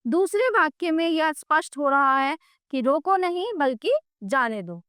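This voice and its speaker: A woman's voice: high voice, lively intonation, a little slow, fairly bright tone, dry recording, clean studio sound. A woman teaching a grammar lesson to children, patient and explanatory, often checking in with "okay".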